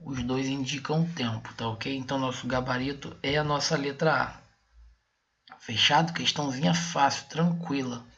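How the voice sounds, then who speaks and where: Gravelly Brazilian man teaching grammar. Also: mid-range voice, a bit bright, muffled recording. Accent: Brazilian Portuguese. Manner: explains step by step, with frequent check-ins. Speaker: Portuguese teacher. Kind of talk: online exam-prep lesson.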